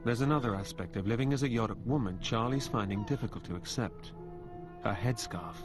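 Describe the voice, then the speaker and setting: Guy doing documentary voiceover, calm and measured, music blaring underneath. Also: medium pitch. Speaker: documentary narrator. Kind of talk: scripted narration. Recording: narration over loud music.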